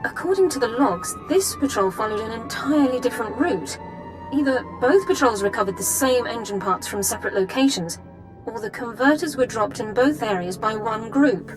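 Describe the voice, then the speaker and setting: Poor audio carries a slightly high, natural female voice with lively intonation at a moderate pace. She voices a strict, formal sergeant giving clipped military reports in a video game cutscene, in an Imperial-sounding accent over background music.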